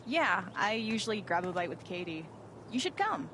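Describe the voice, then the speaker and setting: A woman's voice: medium pitch, big pitch swings, normal speed, close to an everyday voice. Actress as young woman amid noisy ambience. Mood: friendly, casual. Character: casual young woman torn over a friend's crush. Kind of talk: video game dialogue.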